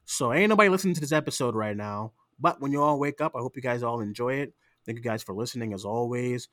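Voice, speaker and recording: A man's voice: medium pitch, fast talker, no room sound, clean studio sound. Tired, ranting male podcast host. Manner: ranting, animated, swears freely. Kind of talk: late-night casual chat.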